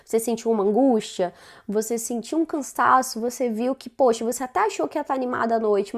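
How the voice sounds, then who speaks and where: Brazilian woman coaching, higher voice. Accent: Brazilian Portuguese. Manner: conversational, frequent tag questions. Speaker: self-development coach. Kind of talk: casual advice monologue.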